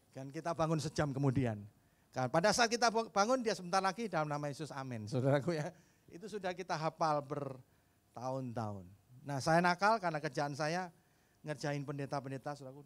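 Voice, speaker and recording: A male pastor giving a sermon in a church, telling funny stories with big swings from soft asides to loud exclamations. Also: a little high. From Indonesia. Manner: jokey storytelling, repeats "saudaraku", swings from soft to loud. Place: church hall.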